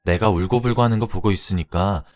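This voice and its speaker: A man voicing a furious, fed-up young wife who shouts and mocks her husband. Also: on the low side, fast talker, natural voice. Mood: cold, accusing. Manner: shouting, scornful, biting.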